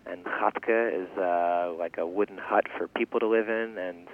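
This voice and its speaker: Low-voiced young man on a phone-like line. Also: fairly even intonation. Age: 20s. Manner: halting, thinking aloud with restarts and repeated words. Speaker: interview guest, farm founder and language teacher. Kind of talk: casual interview. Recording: thin phone-like radio interview sound.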